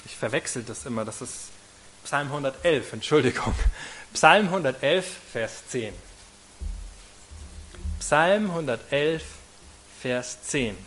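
A man preaching a sermon to a congregation, emphatic, often slowing down on key phrases and drawing listeners in with rhetorical questions. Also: medium pitch, expressive, slight background noise. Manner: emphatic, varying loudness, slows on key phrases, asks the congregation "oder?".

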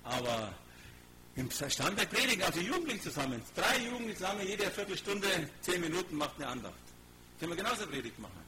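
A man giving an informal sermon to his congregation, swinging between loud outbursts and quiet asides and acting out conversations. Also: high voice, very animated, fast talker, rough recording. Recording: audible background hum.

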